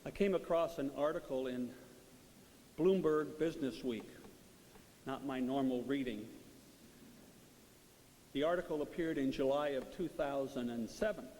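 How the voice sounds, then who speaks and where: Priest in an echoing church, long reverb. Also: male voice, mid-range voice, measured pace, pauses often, darkish tone, slight background noise. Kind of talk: liturgical gospel reading and homily.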